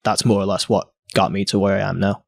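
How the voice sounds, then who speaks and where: Low-voiced hesitant young man from Hong Kong. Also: flat delivery, fast, gravelly, a little mellow, dry recording, clean studio sound. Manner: hesitant, many fillers and restarts. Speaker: guest artist. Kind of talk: casual interview.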